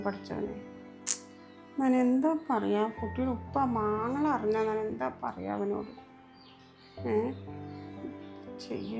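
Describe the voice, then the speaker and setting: A woman's voice: fairly high pitch, highs cut off, close to an everyday voice. A woman playing a stern mother in a family short film, emphatic and reproachful. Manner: scolding, emphatic, lamenting. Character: stern mother, fiercely protective of her daughter-in-law. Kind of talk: home-made family drama acting.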